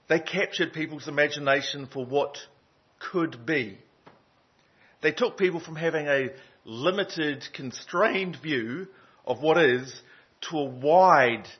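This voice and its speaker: A man preaches a sermon in a loose, conversational way, often stopping on an um or uh. His voice is husky, and the recording sounds muffled and lo-fi. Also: on the high side. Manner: conversational, lots of ums and uhs. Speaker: pastor. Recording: dull lo-fi sound.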